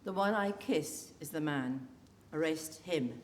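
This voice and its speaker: Speaking a little slowly with lively intonation, this deep-voiced woman takes on several small roles in a dramatised scripture reading. She is recorded from a distance in a big, very echoey church with faint background noise.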